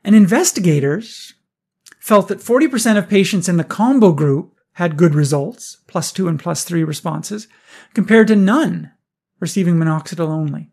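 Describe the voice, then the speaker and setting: Man briskly explaining hair loss research. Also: sits high, vocal fry, a little mellow, husky. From Canada. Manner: brisk explanatory, rhetorical questions. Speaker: podcast host. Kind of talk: scripted research review.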